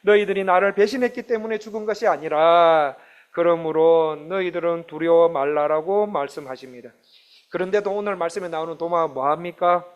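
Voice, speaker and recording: High-voiced impassioned male pastor. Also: brisk, clean tone. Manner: impassioned, dramatically voices Jesus and disciples. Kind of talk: sermon.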